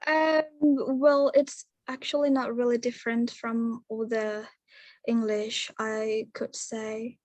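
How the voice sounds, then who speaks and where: A woman's voice: a little high, flat delivery, takes it slowly, darkish tone, no room sound. A young Indonesian woman with an Indonesian accent, a guest chatting casually in an online call and switching between English and Indonesian.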